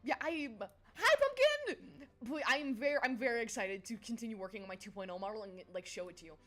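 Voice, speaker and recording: Her voice on the high side and a bit bright, a young woman livestreams and chats casually with her viewers, with lively intonation and a brisk pace. She giggles, seems scatterbrained, and hops from topic to topic.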